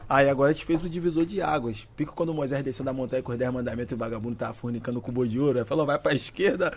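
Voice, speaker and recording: A man's voice: medium pitch, racing, slight background noise. A man in casual podcast chat, talking in street slang. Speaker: music artist, guest.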